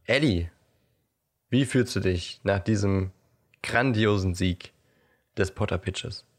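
A man's voice: on the low side, slow. A man co-hosting a casual podcast, playful and joking, laughing often while he talks. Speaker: podcast co-host.

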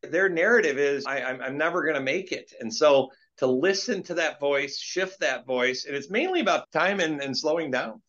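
A man's voice: on the high side, lively intonation, moderate pace, hardly any pauses, a bit bright, lo-fi sound. A man in his late fifties, a guest entrepreneur, talking in a casual interview in an earnest, rambling way and telling stories with animation. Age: 50s.

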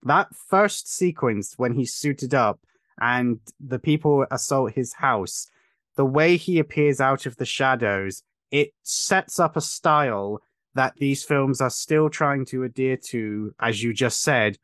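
A man's voice: medium pitch, animated, slow, a bit bright, dry recording. Opinionated male podcast host, dry sound. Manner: long, emphatic, opinionated explanations. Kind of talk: casual podcast chat.

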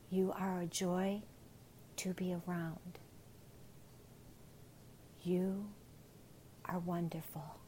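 A woman leads a guided relaxation in a hushed ASMR whisper. Her delivery is very slow and drawn out, and her voice sits low and mellow. Faint background noise lies under her voice. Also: low-quality recording. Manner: soft whispering, unhurried and soothing.

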